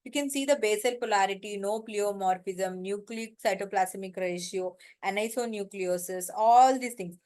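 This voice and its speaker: Speaking at normal speed with few pauses, a woman with an Indian accent gives an informal lecture in a medium-pitched, darkish voice. She explains things step by step and frequently checks that her students are following.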